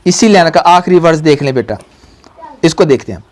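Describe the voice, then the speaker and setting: A woman's voice: low voice, lively intonation, a little fast, darkish tone. A woman, a Quran teacher patiently guiding a pupil, drawing out each syllable and having it repeated. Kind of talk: patient recitation lesson.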